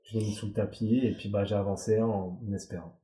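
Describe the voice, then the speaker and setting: A man's voice: fairly low pitch, level tone, a little fast, mellow. A man in his forties, a former athlete, speaking candidly and bluntly as an interview guest, often swearing. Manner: emotional, blunt, swears freely. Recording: roomy echo.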